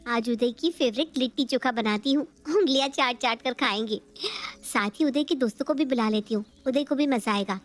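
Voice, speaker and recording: A young daughter-in-law in a cartoon story, voiced by a woman with a high, girlish pitch. She talks sweetly and earnestly and is eager to please. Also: a little fast, soft background music, lightly acted.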